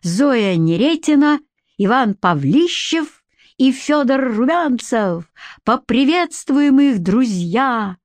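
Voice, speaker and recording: A woman voicing a male announcer whose words come croaking out of a loudspeaker like a rusty robot, slow and stiff. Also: high voice, sing-song, no room sound, voice pushed up, heavily acted. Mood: announcing.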